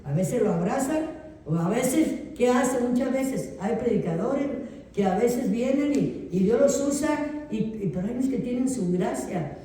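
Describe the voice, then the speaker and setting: A woman pastor teaching a theology class in a relaxed, conversational way, often checking that her students follow. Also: on the high side, a little slow. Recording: echoey room, voice picked up from far off.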